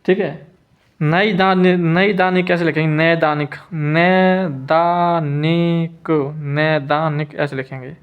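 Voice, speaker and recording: Male teacher, slightly high-pitched, patient, slowly repeats words, muffled lo-fi recording. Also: steady tone. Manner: repeats each word slowly, stretching syllables; checks in often with the listener. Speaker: Hindi spelling teacher. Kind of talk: slow spelling lesson.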